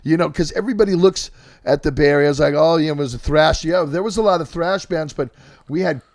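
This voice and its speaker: A man with a gravelly, rough-edged voice hosts a loose, enthusiastic interview, rambling and cursing casually. The sound is dry and close. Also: on the high side, fast, a little mellow, dry recording. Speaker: podcast host.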